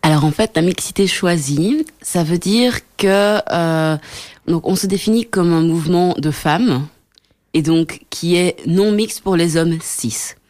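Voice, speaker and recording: Guest activist, woman, lower pitch, earnest explainer. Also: a little mellow. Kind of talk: radio interview. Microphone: headset.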